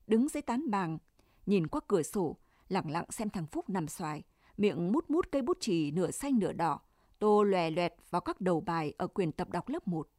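Mellow-voiced woman reading a story. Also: medium pitch, no echo, clean studio sound. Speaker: narrator. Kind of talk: storybook narration.

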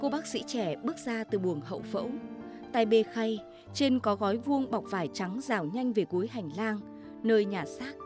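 A woman narrating a story in a measured, steady reading. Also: on the high side, over music.

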